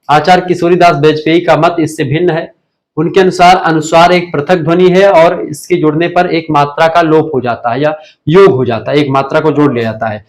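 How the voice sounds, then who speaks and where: Hindi teacher drilling a live class. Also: male voice, on the high side. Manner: drilling, asks questions then answers them himself. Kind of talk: live online revision class.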